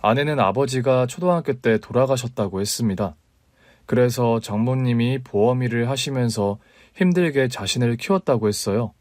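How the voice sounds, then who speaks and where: A man narrates a story in a calm, somber, scripted way at a mid-range pitch. The recording is dry and close. The delivery stays even. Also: normal speed, dry recording.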